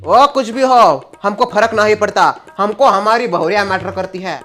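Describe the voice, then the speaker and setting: A man playing a loud, scolding rustic mother-in-law in a comedy sketch. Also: sits high, moderate pace, faint music behind. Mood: threatening. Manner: loud, scolding, with a village dialect.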